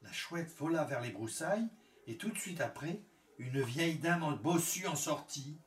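A man reading a fairy tale aloud in a calm, measured storytelling manner. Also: a little high. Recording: echoey room, far from the mic.

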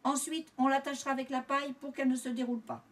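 A woman's voice: high-pitched, little pitch movement, quick pace, recorded from a distance, voice pushed up, lightly acted. A woman voicing an older male piglet brother, bossy and reassuring.

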